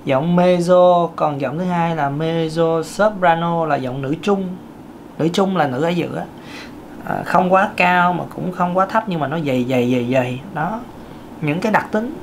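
A singing teacher with a thin, light voice talks at a measured pace over slight background noise. His casual lesson is chatty, loaded with fillers, and marked by sudden pitch jumps.

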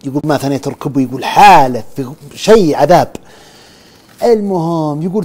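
A man's voice: fairly high pitch, a little mellow. A man with a Saudi accent narrating a true story, relaying another man's account and repeating "he says" as he goes. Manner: keeps repeating "he says" while retelling a friend's account.

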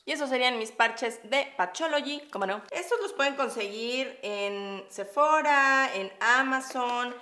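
A woman's voice: high voice, unhurried, hardly any pauses, bright, forceful tone. A woman with a Mexican accent in her thirties, chatting in a bubbly way with viewers while doing her makeup, laughing often. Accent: Mexican Spanish. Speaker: beauty vlogger. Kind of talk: casual chatty makeup vlog. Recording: echoey room.

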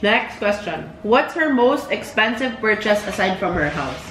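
A woman's voice: medium pitch, big pitch swings, measured pace. A young woman with a Filipino accent hosting a casual home vlog, chatting and mixing English with Tagalog. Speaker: vlogger host. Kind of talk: casual chat. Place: indoors at home. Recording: echoey room with faint noise.

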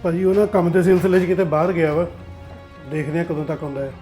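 An actor playing a troubled firm owner who talks calmly and reasons with an angry client, with a Punjabi accent. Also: male voice, a little high, quick pace, faint music behind, lightly acted. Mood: placating. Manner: soothing, reasoning. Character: troubled male firm owner, placating and weary. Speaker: office owner.

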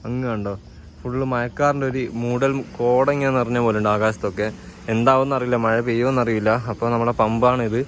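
A man's voice: medium pitch, steady tone, quick pace. A Malayali man chatting casually as he narrates a cycle tour, pointing out sights along the road. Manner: chatty, pointing things out as he rides. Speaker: cycle touring vlogger. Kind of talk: casual travel vlog narration. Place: outdoors on roads while cycling. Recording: noisy outdoor traffic and wind. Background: traffic and wind.

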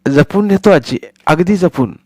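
A cheeky, mischievous little schoolboy, as a male storyteller puts him on. His voice sits raised and eager, quick and sly, in a dry, close audiobook recording. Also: a little high, lively intonation, a little mellow, no echo, voice pushed up.

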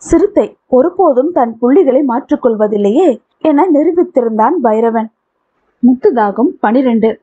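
High, breathy woman narrating a novel. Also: moderate pace. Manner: steady storytelling. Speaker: audiobook narrator. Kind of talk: scripted narration. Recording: tinny phone-like audio.

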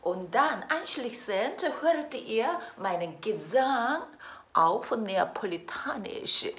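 Standing before a green screen in an echoey indoor studio, a Korean-accented woman slowly tells a story while introducing a song as a classical singer, lilting and questioning the viewer directly. Her voice is on the high side, fairly bright and lively, with faint music and slight background noise.

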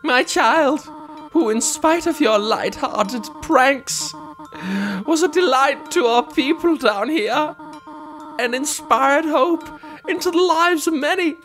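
A man voicing a gentle, motherly goat queen who speaks formally and sentimentally. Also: extremely high pitch, slow pace, pitched above the performer's own voice, heavily acted. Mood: tender. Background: game music.

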